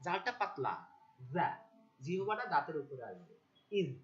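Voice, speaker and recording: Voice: mid-range voice, big pitch swings, fairly quick, pushed and bright. A teacher giving a Quran reading lesson, patiently repeating each sound and checking that the learners say it back. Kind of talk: Quran reading lesson with call-and-response drills. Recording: dull lo-fi recording.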